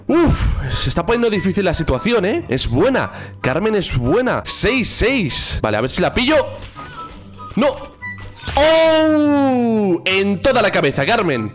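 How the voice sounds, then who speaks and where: A man with a Spain Spanish accent, giving excitable, teasing gameplay commentary at home. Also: high-pitched. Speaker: gaming YouTuber.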